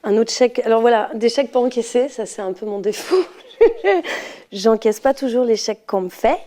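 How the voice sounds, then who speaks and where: Amused higher-voiced woman teacher. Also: moderate pace, dark tone. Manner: amused, laughing at herself. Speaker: schoolteacher being interviewed. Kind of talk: casual talk while emptying her handbag.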